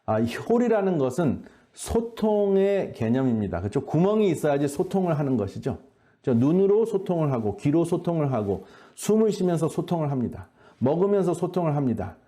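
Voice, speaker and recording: A man giving an earnest, measured faith-based health lecture, often pausing on hesitation sounds. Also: fairly high pitch, very animated, warm tone. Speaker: lecturer at a health boot camp.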